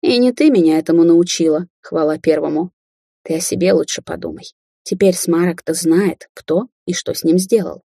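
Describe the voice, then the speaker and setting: Woman voicing a scornful young witch daughter, husky, storybook read. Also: fairly low pitch, normal speed, warm tone, no echo. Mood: cold. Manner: sarcastic, taunting. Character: young adult woman sorceress, mocking daughter. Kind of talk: audiobook character voicing.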